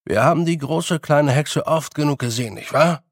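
A man's voice: on the high side, moderate pace, dry recording, studio quality. A man voicing a tiny, brash fairy-folk leader who blusters and improvises excuses. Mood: explaining.

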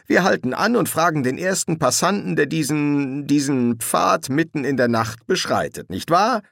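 A man voicing a sardonic, sharp-tongued male demon in an audiobook, sarcastic and mocking, pushing his voice up and squeezing it. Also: mid-range voice, very animated, unhurried, no room sound, studio quality, pitched above the performer's own voice. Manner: sarcastic, mocking, raised strained voice. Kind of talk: audiobook character voice.

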